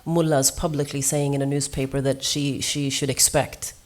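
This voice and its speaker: A woman's voice: rumbling low, little pitch movement, moderate pace, darkish tone. A woman from Norway, a musician on a seminar panel, telling her experiences in an earnest, reflective way.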